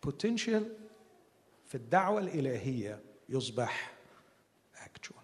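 A man's voice: on the high side, sing-song, brisk, in a large hall. A man with an Egyptian accent preaching a humorous, conversational sermon at a conference. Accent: Egyptian Arabic.

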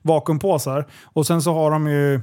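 A man's voice: on the high side, level tone, mellow, clear, resonant tone. A man telling a story in casual chat, swearing a lot and acting out the other people's lines. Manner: swears a lot, acts out dialogue with voices. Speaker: podcast co-host telling a story.

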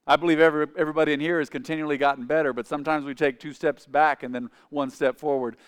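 A man's voice: fairly high pitch, steady tone, fast talker, clean tone. A man in his forties preaching a sermon as pastor, calling on the congregation to repeat phrases after him. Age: 40s. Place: church sanctuary. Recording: long reverb of a large hall.

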